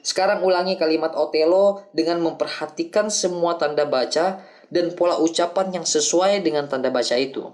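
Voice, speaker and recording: A man reading the lines of an older male acting teacher who explains things calmly and patiently in an audiobook. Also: on the high side, normal speed, natural voice. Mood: instructive. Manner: calm, explanatory lecturing.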